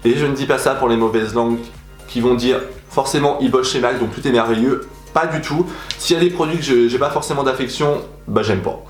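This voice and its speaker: A young Frenchman talks through his beauty favorites in an animated, gushing vlog. His voice sits at a middle pitch and rings in an echoey room at home. Faint music plays underneath. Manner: animated, chatty, exaggerated enthusiasm. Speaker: beauty vlogger. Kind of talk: casual product review vlog.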